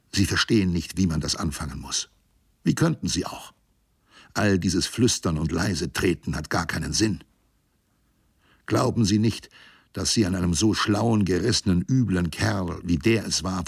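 A man voicing a feverish, raving old ship's mate who mocks and rants, his voice gravelly and breaking into shrill shrieks. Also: expressive, moderate pace, no room sound, clean studio sound, full character voice. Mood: feverish ranting. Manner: mocking, ranting, voice cracks into shrieks.

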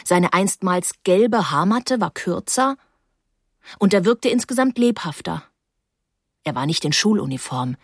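A woman narrating a first-person novel as an audiobook, calm and wry. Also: fairly low pitch, measured pace, slightly rough, dry recording, clean studio sound.

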